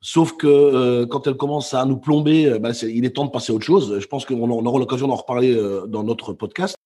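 This middle-aged Belgian man, a professional speaker, talks over a remote call from home as a podcast guest. His mid-range voice moves fairly quickly as he animatedly recounts his career, hesitating often.

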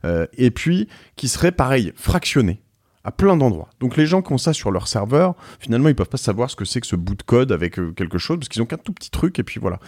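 A man's voice: mid-range voice, very animated, fast, a little mellow, breathy edge, dry recording, studio quality. A man, an interview guest explaining things in an informal, emphatic way. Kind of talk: casual explanatory interview talk.

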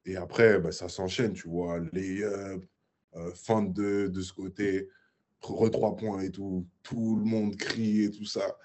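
A young man in his twenties, a guest in a casual interview, telling a story in a lively way with sound effects and many fillers. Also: low voice, takes it slowly, slight background noise. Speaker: guest basketball player.

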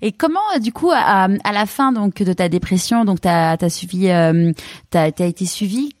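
Interviewer from France, woman, mid-pitched, casual and hesitant, dry recording. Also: moderate pace, darkish tone, no room sound. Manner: hesitant, many fillers and restarts.

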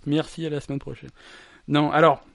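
A man's voice: a little high, little pitch movement, a little fast, vocal fry, noisy background. A man hosting a casual comic podcast, rambling through explanations with many restarts and fillers. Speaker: podcast host.

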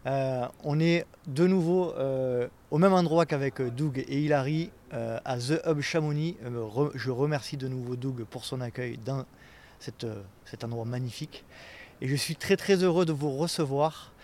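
A man's voice: medium pitch, moderate pace, darkish tone. Man hosting a casual interview. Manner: friendly, fillers. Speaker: podcast host.

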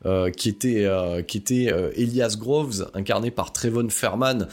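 A man's voice: fairly low pitch, unhurried, darkish tone. A man hosting a casual film review podcast, rambling with many hesitations and wry asides. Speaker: podcast host.

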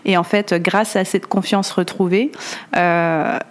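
A woman's voice: fairly low pitch, steady tone, takes it slowly. Woman podcast host, casual solo talk, hesitant delivery with frequent restarts. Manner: hesitant, many fillers and restarts.

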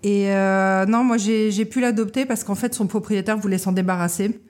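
A woman's voice: mid-range voice, fairly even intonation, moderate pace, a little mellow. A woman in her thirties from Paris, a guest telling her story in a casual interview, hesitant, with many fillers and restarts, a little tired. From Paris, France. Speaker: guest, love-shop co-owner. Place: small shop.

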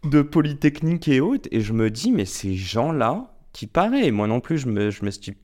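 A man's voice: mid-range voice, sing-song, normal speed, a little mellow. A young man hosting an interview podcast, asking chatty, probing questions. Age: young adult. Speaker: podcast host.

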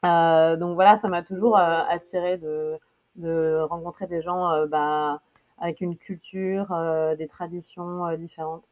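Chatty, hesitant woman with a lower voice. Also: level tone, a little slow. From France. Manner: hesitant, many fillers, laughs often. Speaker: interview guest. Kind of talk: casual conversational interview. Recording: dull lo-fi sound.

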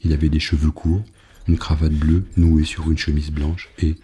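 A man reading an audiobook novel in a grave, measured narration. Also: very deep voice, level tone, dark tone, slight background noise.

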